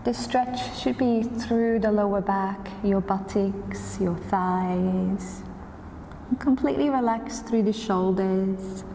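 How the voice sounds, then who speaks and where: A woman leads a yoga class with a soft-edged, mellow tone. She is calm and soothing, taking her time between instructions. The recording is echoey, with long reverb and faint noise behind her. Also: mid-range voice.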